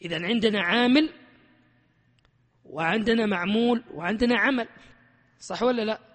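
A man teaching a grammar lesson, animated and emphatic, who keeps quizzing his class. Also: sits high, moderate pace, big-room sound.

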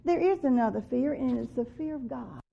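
Gravelly woman telling a faith story. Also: high voice, lively intonation, a little fast. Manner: earnest storytelling, emphatic when quoting God. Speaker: testimony speaker. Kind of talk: personal faith testimony. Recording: dull lo-fi recording.

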